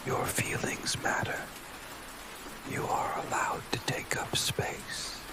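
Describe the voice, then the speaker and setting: Male ASMR narrator for sleep affirmations: soft spa whisper throughout, very slow, gentle and soothing. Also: rough recording. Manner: gentle, soothing, unhurried guided-relaxation delivery.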